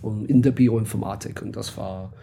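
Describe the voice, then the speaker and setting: A man's voice: fairly low pitch, steady tone, moderate pace, gravelly, dark tone, slight background noise. A man from England with an English accent, a guest in a casual interview, speaking hesitantly with many fillers and searching for words.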